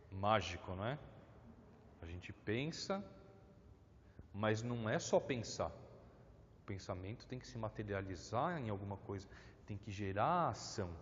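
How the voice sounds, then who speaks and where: A Brazilian man lecturing in a hall with a long echo, recorded on dull lo-fi equipment. His pitch swings widely as he questions the audience. He acts out his examples with dramatic flair. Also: a little hiss or hum. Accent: Brazilian Portuguese. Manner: engaging, asks the audience questions. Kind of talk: public spiritist lecture. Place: lecture hall of a spiritist center.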